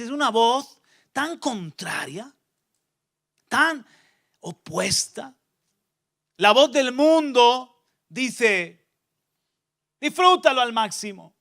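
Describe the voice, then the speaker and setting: A man delivering a sermon in a bright, ringing tone. His voice sits high for a man, and he preaches emphatically, swinging between forceful outbursts and softer asides. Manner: emphatic, voices opposing sayings with rising intensity.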